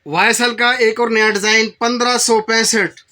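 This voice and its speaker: Bright-voiced Pakistani shopkeeper man. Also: very high-pitched, fairly even intonation. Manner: brisk listing of colors and prices. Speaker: shopkeeper presenting handbags. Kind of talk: sales pitch for a shop video. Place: indoor bag shop.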